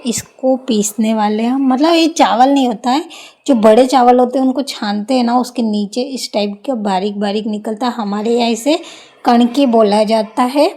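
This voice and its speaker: A woman's voice: on the high side, moderate pace, mellow. A young woman, chatting casually at home as she explains her household chores step by step. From India. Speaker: vlogger. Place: home, indoors.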